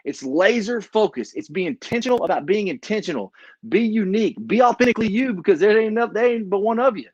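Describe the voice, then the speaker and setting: A man's voice: high voice, expressive, quick pace, dry recording. A man with a Texan accent, a business coach giving folksy, emphatic motivational talk on a video call. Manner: folksy, emphatic, repeats key phrases. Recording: dull, dry sound.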